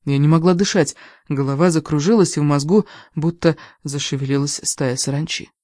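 An audiobook narrator reading a first-person story in a steady, plain storytelling manner. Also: mid-range voice, fairly quick, no echo, studio quality.

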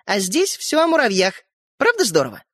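A woman reader voicing a cheerful, bossy schoolgirl who talks in bright, teasing tones. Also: medium pitch, huge pitch swings, moderate pace, no room sound, studio quality. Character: cheerful know-it-all schoolgirl, bossy older sister.

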